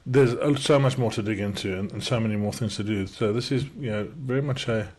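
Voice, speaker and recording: Over a screen recording, a small webcam circle shows a middle-aged entrepreneur giving a laid-back software tutorial. He has a lowish voice and a South African accent softened by decades in the UK, and he rushes along with plenty of fillers and false starts.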